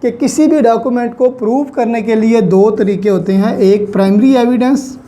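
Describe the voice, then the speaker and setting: A law teacher with a Pakistani accent lectures online in a warm, fairly high voice at normal speed. She explains step by step, poses and answers questions, and mixes in plenty of English terms.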